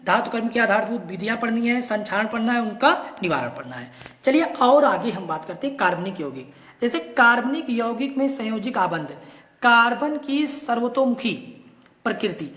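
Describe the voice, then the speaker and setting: A woman's voice: mid-range voice, fairly bright tone. A woman teaching a lesson, walking through a syllabus item by item, asking students questions and answering them herself. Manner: reads topic lists one by one. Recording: echoey room.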